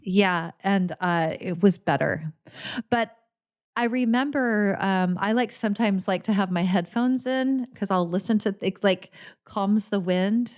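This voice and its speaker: A woman's voice: mid-range voice, a little slow, darkish tone. A woman hosting a podcast, talking casually with a friend, chatty with frequent restarts and laughter. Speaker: podcast host. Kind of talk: casual chat.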